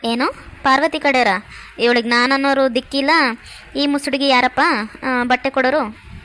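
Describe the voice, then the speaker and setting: A woman's voice: high voice, steady tone, moderate pace, fairly bright tone, poor audio. A woman voicing a jealous, scornful older aunt. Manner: scornful, grumbling. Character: sharp-tongued jealous older woman relative. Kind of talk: cartoon voice acting.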